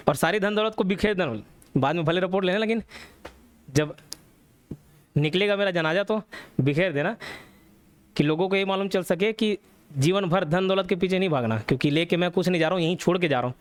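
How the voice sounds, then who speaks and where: A man's voice: high-pitched, fairly quick, long pauses, no echo. A man teaching a classroom history lecture, telling the story and quizzing students as he goes. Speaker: exam coaching teacher.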